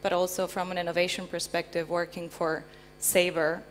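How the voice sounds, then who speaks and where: On a live conference panel before an audience, the Transylvanian company founder, an invited speaker, explains her points through anecdotes in a low-pitched voice. Her delivery is flat and her speed normal. A little hiss or hum sits in the audio.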